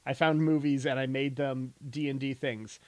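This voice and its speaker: A man with a mid-range, somewhat dark voice speaks steadily at a moderate pace in a dry recording. He co-hosts a podcast and also runs tabletop games, and here he chats casually and tells stories in a playful way.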